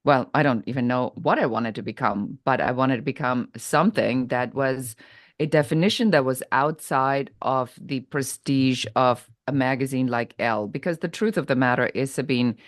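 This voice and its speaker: A middle-aged woman from Germany, telling her story as a podcast guest, candid and energetic with frequent fillers. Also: a bass voice, normal speed, no room sound, clean studio sound. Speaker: podcast guest, business coach. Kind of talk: conversational storytelling interview.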